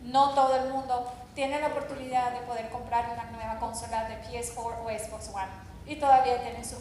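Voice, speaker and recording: A woman giving an informal, explanatory conference presentation, pausing now and then to search for her words. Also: a little high. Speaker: game company presenter. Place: large event hall. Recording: very echoey hall with faint noise.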